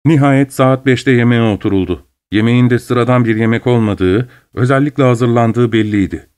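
A man narrating an audiobook story in a calm, measured reading voice. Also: mid-range voice, clear, resonant tone.

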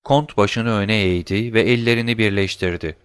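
A man narrating an audiobook in a calm, steady reading manner. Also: fairly low pitch, moderate pace, smooth, no room sound, clean studio sound.

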